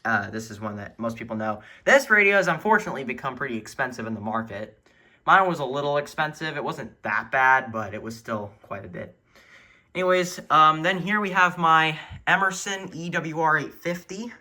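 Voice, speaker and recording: His voice sits on the high side, expressive and moderately paced, with a pushed, bright quality. Filming indoors at home on a handheld camera without appearing on screen, the man chattily presents his weather radio collection as an eager hobbyist, while faint noise and button clicks sound in the background.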